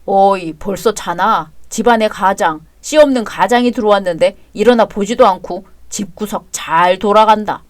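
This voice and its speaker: A woman's voice: mid-range voice, normal speed, hardly any pauses, no room sound, lightly acted. Brief: a woman playing a crude drunken husband, drawled taunts, dramatized story. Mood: drunk taunting. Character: crude drunken boastful husband, adult man.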